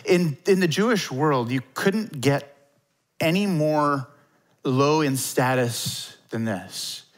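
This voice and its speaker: A man's voice: fairly high pitch, slow pace. A middle-aged male pastor preaching a conversational sermon, emphatic, acting out the quotes he tells.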